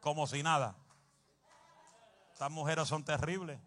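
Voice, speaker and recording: A man preaching a sermon, animated and humorous, bursting into shouts. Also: a little high, unhurried.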